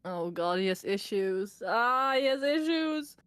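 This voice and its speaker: Young woman gaming stream, laughs a ton, kinda high voice, dry close mic. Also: measured pace, smooth, no echo. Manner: giggly, animated. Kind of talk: casual let's play, reading game text aloud.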